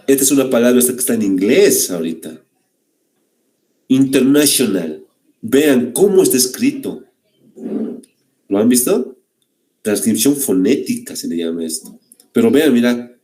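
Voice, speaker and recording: A man's voice: medium pitch, mellow. A man teaching a language class to students, lecturing with frequent "very good" check-ins and direct address to the class. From Bolivia. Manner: repeats "muy bien" often, addresses students as "señores".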